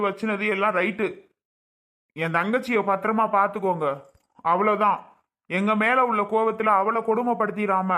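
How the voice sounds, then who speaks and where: A man's voice: high-pitched, sharp tone. A man playing a grieving young husband and brother, lamenting through sobs. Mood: angry, bitter. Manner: sobbing, pleading lament. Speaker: actor in a family skit.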